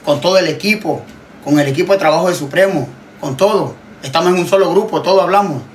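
A high-voiced Honduran man and TikTok creator rants fast, casually and heatedly straight to his followers. He is emphatic, drives his points home through repetition and swears freely, with a faint hum of noise behind him.

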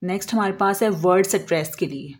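A woman explaining a lesson as an English teacher, slowly drawing out example words and answering her own questions. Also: mid-range voice, husky. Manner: asks questions and answers them herself.

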